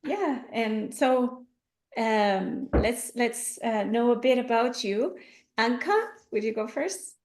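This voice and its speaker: A woman's voice: fairly high pitch, animated, takes it slowly. A woman hosting a podcast, reading a scripted welcome and then chatting with guests with fillers and restarts. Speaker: podcast host. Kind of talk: scripted intro then casual moderated chat. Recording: intro over loud music.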